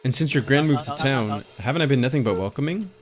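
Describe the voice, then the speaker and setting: A man voicing a folksy, smooth-talking older man in a game, reassuring and persuasive. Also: medium pitch, expressive, fast, natural voice. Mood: coaxing. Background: game music.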